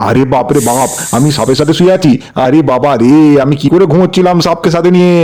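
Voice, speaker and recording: A man's voice: fairly high pitch, quick pace, dark tone, close to an everyday voice. A man voicing a terrified husband in a doll cartoon who wails for help. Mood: panicked. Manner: panicked, wailing. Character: panicky husband terrified of a snake.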